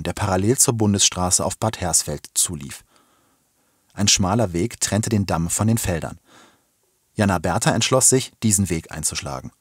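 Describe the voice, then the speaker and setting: Low husky guy reading a book aloud, super expressive, dry close mic. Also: no echo. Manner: expressive, dramatic storytelling. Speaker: podcast host reading a novel excerpt. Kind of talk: expressive reading of a children's novel.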